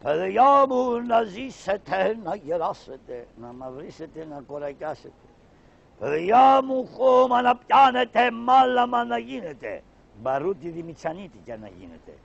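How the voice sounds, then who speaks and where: A shrill, shouting pasha. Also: male voice, very animated, gravelly, exaggerated voice. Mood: blessing. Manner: booming, bossy proclamations. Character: high-pitched shouting Ottoman pasha, pompous and hot-tempered. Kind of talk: Greek shadow-puppet theater. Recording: dull lo-fi recording.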